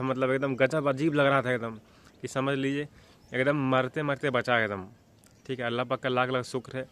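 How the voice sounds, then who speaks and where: A young man from Jharkhand, India, tells a childhood story to his vlog viewers in a relaxed, rambling way. His voice sits in an ordinary middle pitch, and he keeps checking in with the listener and clearing his throat as he talks. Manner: rambling, with frequent filler checks like "theek hai" and "hai na". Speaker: vlogger.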